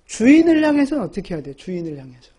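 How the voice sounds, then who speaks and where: A woman's voice: mid-range voice, big pitch swings, racing, warm tone, breathy edge. A woman pastor preaching a sermon, emphatic and asking the congregation rhetorical questions.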